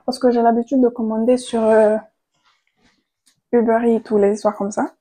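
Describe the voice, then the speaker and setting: A young woman vlogging casually into a handheld mic at home, chatty and quick to laugh, trailing off and restarting her thoughts. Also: fairly high pitch, flat delivery, dark tone. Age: young adult. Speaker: content creator. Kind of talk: casual vlog chat. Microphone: handheld microphone.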